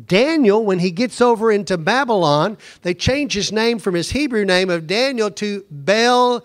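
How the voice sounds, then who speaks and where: A pastor preaching a conversational sermon, slowing down to stress words and then rushing ahead. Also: male voice, high voice, lively intonation. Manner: conversational preaching, speeds up and slows down for emphasis.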